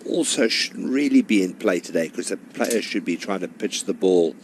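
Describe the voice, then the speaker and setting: A man with a low voice commentates on live golf in a measured, informative way. Noticeable outdoor ambience runs behind his words, as on a course broadcast. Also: animated. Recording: clear background noise, outdoor course ambience.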